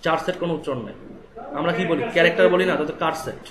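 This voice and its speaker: Man instructor, Bangladeshi Bengali accent, brisk live coding lesson, slightly high voice, echoey room. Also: a crowd in the background. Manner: rapid, explanatory, asks students checking questions. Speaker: web development instructor. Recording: echoey room with faint ambience.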